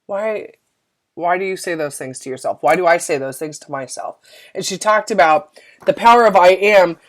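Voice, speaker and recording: A woman's voice: fairly low pitch, moderate pace. A young woman giving a chatty, emphatic pep talk to camera, full of fillers. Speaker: beauty sales team leader. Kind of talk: casual motivational talk to camera.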